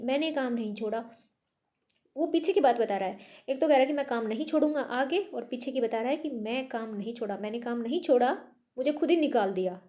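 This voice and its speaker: Woman Hindi teacher, high soft tone, patient and deliberate, mixes in English terms. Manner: slow and deliberate when reading examples, explains patiently. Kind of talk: grammar lesson, reading example sentences aloud.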